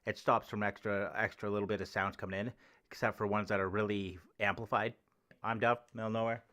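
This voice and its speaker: A man talks into a close desk microphone in his living room. His voice sits a little low but has a bright, forceful edge. He rambles in an offhand way and swears freely. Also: flat delivery, a little fast. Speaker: vlogger testing gear. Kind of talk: casual home demo. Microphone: close desk microphone with homemade foam cover.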